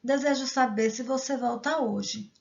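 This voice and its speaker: A woman's voice: sits high, unhurried, vocal fry, highs cut off. A woman teacher explaining grammar step by step, reading example sentences and checking in with the class. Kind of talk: grammar lesson.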